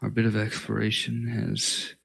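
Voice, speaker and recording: Man voicing a measured pixie scout, low and gravelly. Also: monotone, fairly bright tone, full character voice. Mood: measured, formal. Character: small female pixie scout relaying sending messages.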